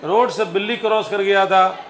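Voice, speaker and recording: A man's voice: sits high, fairly even intonation, moderate pace, a bit bright, echoey room, a little hiss or hum. A man voicing a young bus driver who argues back at an old passenger, in a classroom story. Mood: defensive. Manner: arguing back.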